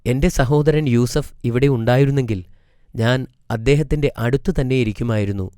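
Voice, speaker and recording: A man's voice: mid-range voice, moderate pace, dark tone, smooth, no echo, clean studio sound, lightly acted. A man voicing a respectful youngest brother in a cartoon story, speaking plaintively.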